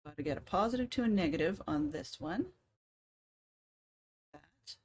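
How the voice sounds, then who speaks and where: A woman thinks aloud as she plays a puzzle game on a live stream. Her voice sits a little low but swings widely in pitch, and her asides come out dry and sarcastic. Faint background noise runs under the recording. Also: expressive, normal speed, darkish tone. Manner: muttering to herself while solving puzzles, dry sarcastic asides. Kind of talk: casual live-stream commentary.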